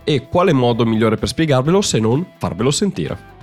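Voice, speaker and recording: A man's voice: medium pitch, expressive, moderate pace, over music. A young man from Italy hosting a podcast, explaining in a chatty way and laughing at himself now and then. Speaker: podcast host. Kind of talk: casual podcast monologue.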